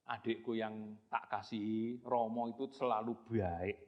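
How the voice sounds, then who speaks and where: A man, a Sunday school teacher telling a story to children in a lively, chatty, folksy way. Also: on the low side, unhurried. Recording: dull echoey hall recording.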